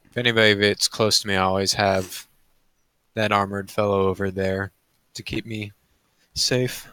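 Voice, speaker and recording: A man's voice: lowish voice, flat delivery, moderate pace, bright, forceful tone, clear, resonant tone, no room sound. A man playing a tabletop game in character, speaking in a dry, matter-of-fact way. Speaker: player.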